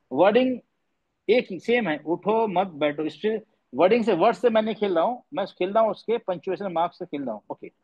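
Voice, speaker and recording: In an online class, a man teaches tajweed, patiently quizzing his students, repeating points, and mixing in English words. His voice is high-pitched and slightly rough, and the online class audio sounds lo-fi.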